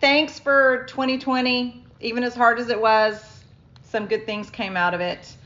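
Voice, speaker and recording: A woman's voice: on the high side, fairly even intonation, measured pace, fairly bright tone, highs cut off. A middle-aged woman co-hosting a podcast in casual chat, laughing often, recorded on a phone. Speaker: podcast co-host.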